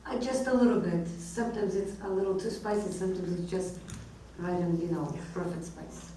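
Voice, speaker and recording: A woman's voice: on the low side, a little fast, warm tone. A woman in her forties, a native Russian speaker born in Azerbaijan who grew up in Israel and America, chatting casually as an interview guest. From born in Azerbaijan, grew up in Israel and the United States. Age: 40s. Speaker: guest, restaurant owner. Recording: distant mic in echoey room, faint noise.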